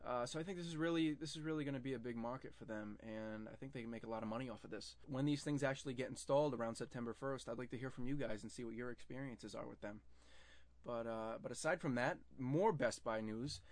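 A man's voice: mid-range voice, no room sound. Young male host, casual tech news chat, loose and filler-heavy, dry close sound. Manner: chatty, with frequent fillers and restarts.

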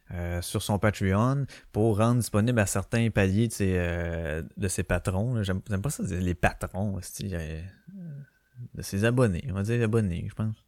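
Québécois guy, low voice, loose rambling solo podcast host, dry close home mic. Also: darkish tone, no echo. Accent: Québécois French. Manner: rambling, many fillers and restarts. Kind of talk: casual solo podcast talk. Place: small bedroom at home. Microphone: small home microphone.

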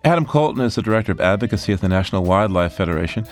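A man's voice: lowish voice, lively intonation, very fast, faint music behind. A man hosting a radio program, introducing guests and stories with emphatic announcing. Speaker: radio show host. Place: studio.

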